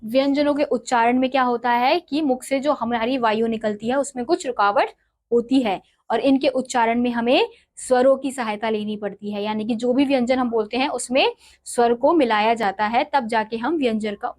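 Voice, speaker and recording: A woman's voice: fairly high pitch, darkish tone. A woman teaching a grammar lesson, patiently asking and answering her own questions and spelling out letters one by one.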